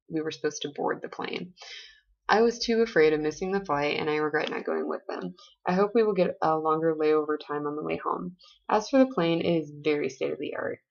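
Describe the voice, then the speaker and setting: A woman's voice: on the low side, vocal fry, muffled recording. An American woman in her twenties, chatty and playful, narrating a casual travel diary. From United States. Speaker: vlogger.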